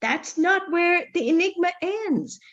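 In a casual interview, a middle-aged Kenyan woman who works as a medical doctor tells her story, animated and often repeating words with playful asides. Her voice is very high and a little slow, and the recording sounds muffled.

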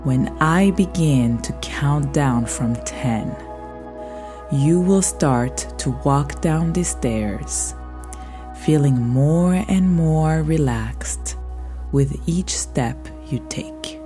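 A woman guiding a sleep meditation like a slow soothing countdown, hushed and trailing off toward a whisper, as a podcast host. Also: sits low. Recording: soft music behind the voice. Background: soft music.

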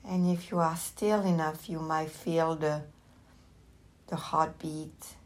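Leading a guided meditation, a teacher speaks in a low, fairly even voice. She offers gentle instructions without hurry, leaving long pauses.

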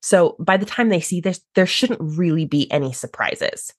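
Speaking at a moderate pace with a breathy edge, a woman podcast host who is a brand strategist and designer animatedly walks through her process. She's enthusiastic and explanatory, voicing her clients' reactions in high voices, and the studio-quality recording is dry.

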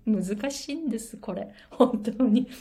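In a casual video lesson on English pronunciation, a middle-aged woman from Japan takes her time, her voice a little high. She's an animated storyteller who moves back and forth between Japanese and English.

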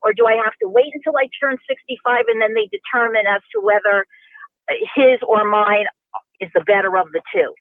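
A woman's voice: a little high, sing-song, brisk, dry recording. Rambling woman caller on a phone line. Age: 60s. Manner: rambling, restarts questions repeatedly. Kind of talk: call-in question.

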